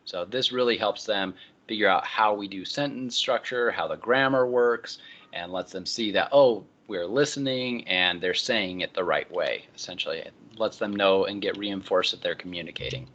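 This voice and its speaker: Bright-voiced male lecturer, lo-fi lecture recording. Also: fairly low pitch, moderate pace. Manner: relaxed explaining with frequent ums and uhs.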